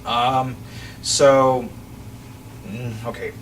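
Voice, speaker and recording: A man's voice: medium pitch, drawn-out words. A man hosting a casual podcast chat about films, rambling and often restarting his sentences. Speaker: podcast host. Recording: distant mic with faint ambient noise.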